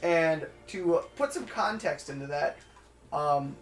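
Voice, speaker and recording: A man's voice: on the high side, expressive, a little slow, echoey room, faint music behind. A young man co-hosting a let's play, chatting casually and rambling through stories with lots of fillers. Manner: rambling storyteller with many fillers. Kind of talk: casual gaming commentary chat.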